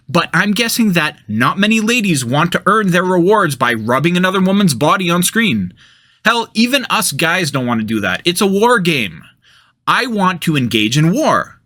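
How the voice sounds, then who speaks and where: A man's voice: a little high, pushed and bright, no echo, studio quality. A man delivering an exasperated, sarcastic, escalating comedic rant as scripted commentary for gaming content. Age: adult, parent of a toddler.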